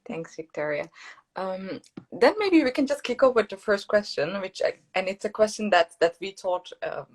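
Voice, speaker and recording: A woman hosting a live online chat, asking questions in a relaxed, friendly way. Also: mid-range voice, normal speed. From Turkey. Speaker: host, moderator.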